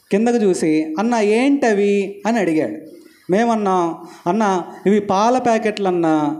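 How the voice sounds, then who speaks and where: A man's voice: high voice, mellow. A middle-aged male pastor preaching a sermon, telling a story and putting questions to the congregation.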